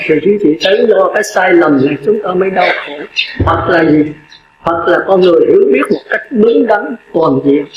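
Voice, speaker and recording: A male Buddhist monk, giving a sermon in which he lists points slowly and asks the audience rhetorical questions. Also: high-pitched, slight background noise. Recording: roomy, dull lo-fi recording.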